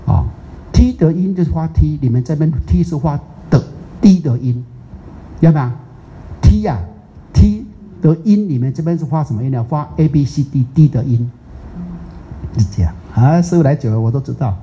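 Older guy, very dark mellow voice, chatty teasing dharma talk, muffled lo-fi recording. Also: fairly high pitch, a little hiss or hum. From Taiwan. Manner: chatty, teasing, drawn-out English words. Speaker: Buddhist teacher.

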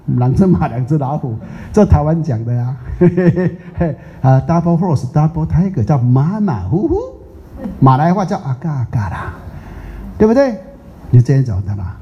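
A man's voice: mid-range voice, sing-song, normal speed, a little hiss or hum. An older man from Taiwan, a Buddhist teacher giving a chatty, teasing dharma talk, drawing out English words. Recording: muffled lo-fi recording.

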